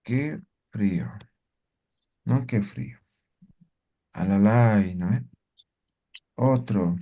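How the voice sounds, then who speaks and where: A man leads a language lesson at a slow, patient pace. He keeps asking the class questions and tacks on little checks for understanding. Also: lowish voice, dark tone. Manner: slow, asks students questions often, tag questions. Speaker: Aymara language teacher. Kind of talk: interactive class explanation.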